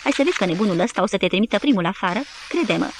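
A woman's voice: medium pitch, expressive, slight background noise, lightly acted. A woman voicing a wry wounded soldier. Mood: confiding. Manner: confiding, joking.

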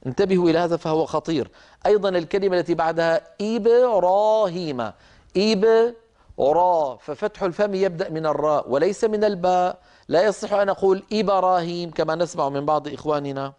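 A man teaching Quran recitation rules, explaining grammar and pronunciation and demonstrating each sound slowly. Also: sits high, a little mellow. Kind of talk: tajweed lesson with live correction.

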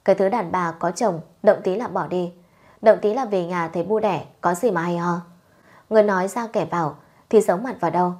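A woman's voice: fairly low pitch, brisk, darkish tone, lightly acted. A woman doing a two-faced rich mother-in-law. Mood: cold scolding. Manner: sugary, then cutting.

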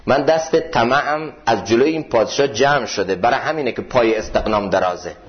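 A man, retelling a story, speaks the lines of a calm older male Sufi master who firmly rebukes a vizier. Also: mid-range voice, lightly acted. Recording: dull muffled recording.

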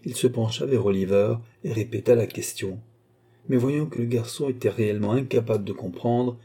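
A male reader narrates a novel aloud at a measured pace. His voice is low and very dark, with a husky edge.

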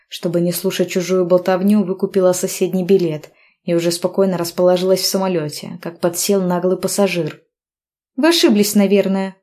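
Low-voiced woman narrating a romance story. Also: dark tone. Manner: emotional, dramatic storytelling. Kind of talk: first-person audiobook narration.

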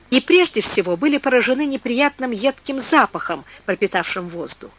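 An audiobook narrator reading a classic adventure novel in measured storytelling narration. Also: mid-range voice, fairly bright tone, highs cut off, a little hiss or hum.

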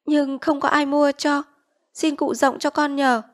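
A woman's voice: sits high, little pitch movement, a little slow, voice pushed up. Brief: a woman reading as a poor peasant mother, pleading and wailing, audiobook. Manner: tearful pleading, lamenting.

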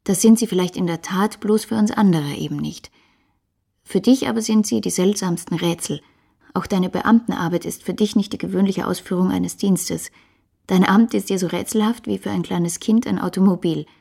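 A woman's voice: on the low side, moderate pace, gravelly, mellow, slightly rough. An actress playing a passionate young woman writer in a radio play, speaking earnestly, intimately and pleadingly. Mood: reproachful. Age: 20s.

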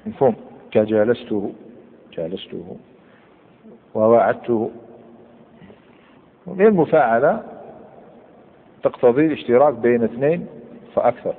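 A man's voice: medium pitch, expressive, unhurried, long pauses, husky. Man teaching grammar in an echoing hall. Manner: explains step by step, quizzing students with short questions. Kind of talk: classroom grammar lesson. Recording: phone-like tinny recording with long hall reverb and faint hiss.

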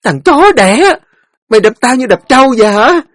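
A man voicing a foul-mouthed, shrill teenage village girl who screeches curses and fast threats. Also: animated, no echo, studio quality. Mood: furious.

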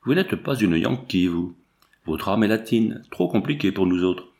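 Man reading an eager, smitten young American, stammers when flustered, gravelly tone. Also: on the low side, animated, normal speed, a little mellow.

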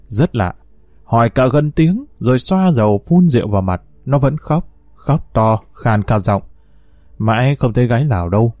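A man's voice: medium pitch, warm tone, dry recording. A man telling a first-person ghost story in a tense, earnest way.

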